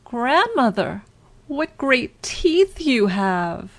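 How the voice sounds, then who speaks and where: A woman's voice: fairly high pitch, sing-song, drawn-out words, no room sound, pitched above the performer's own voice, exaggerated voice. A woman voicing an innocent, trusting little fairy-tale girl in an earnest, wide-eyed, singsong manner. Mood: wondering.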